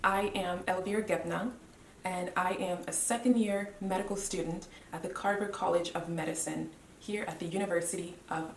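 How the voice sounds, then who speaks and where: A woman in her twenties from Cameroon, a medical student giving a measured, earnest motivational speech with deliberate pauses. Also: fairly low pitch, distant mic, slight background noise. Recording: roomy echo, voice away from the mic.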